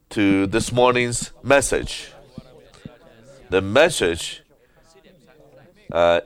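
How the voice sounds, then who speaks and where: A man preaching at a conference in a meeting hall, halting often with filler sounds as he speaks. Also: low-pitched. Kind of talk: sermon.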